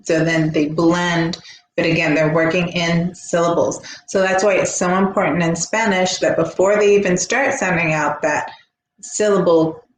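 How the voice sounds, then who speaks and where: A woman's voice: fairly low pitch, fairly even intonation, normal speed. A woman teacher educator giving a recorded lecture, explaining step by step and often checking in with "right?". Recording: echoey room with faint background hum.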